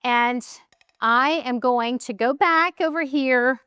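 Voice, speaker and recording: Woman doing a cooking demo at home, smooth clear voice, chatty, thinks out loud, dry close sound. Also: high-pitched, slow pace, dry recording. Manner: chatty, thinks aloud while working. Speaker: cooking show host. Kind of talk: casual cooking demonstration.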